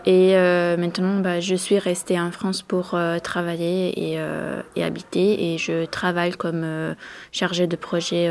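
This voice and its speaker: A woman's voice: lowish voice, darkish tone. A woman in her twenties from Italy, whose first language is Italian, giving a hesitant testimony full of fillers. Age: 20s. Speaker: European project officer. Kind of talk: testimony interview.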